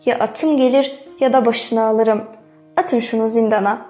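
A woman's voice: fairly high pitch, fairly even intonation, measured pace, darkish tone, faint music behind, lightly acted. A woman voicing a haughty, mocking Ottoman pasha with a commanding, scornful delivery, in a storybook reading. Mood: angry.

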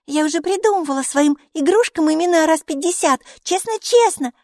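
Voicing an excitable six-year-old girl for an audiobook, a woman pushes her voice very high and keeps the pace normal. The little girl is cheerful and chatty, eagerly asking question after question, in a dry, clean studio recording.

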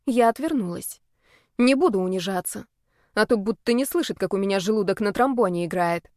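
A woman narrating a first-person audiobook in a lively, expressive way, turning indignant and playful when she speaks as the heroine. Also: mid-range voice, fairly quick, no room sound, studio quality.

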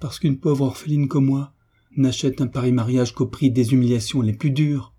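A man's voice: mid-range voice, steady tone, moderate pace, dark tone, slightly rough, pitched above the performer's own voice, lightly acted. A man voicing a proud, grieving young orphan woman in an audiobook, pleading through tears. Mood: sorrowful. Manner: sorrowful, tearful pleading. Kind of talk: audiobook reading.

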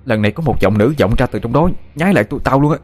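A man's voice: mid-range voice, animated, very fast, a little mellow, husky, pitched above the performer's own voice. Minh, a man doing a jumpy student. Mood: alarmed. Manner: exasperated, protesting. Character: jumpy young male student, easily spooked. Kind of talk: audiobook character voice.

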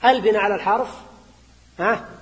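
A man teaching grammar as a sheikh, reading a text and then explaining it, repeating phrases and quizzing students with quick questions. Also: high-pitched. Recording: reverberant lecture hall.

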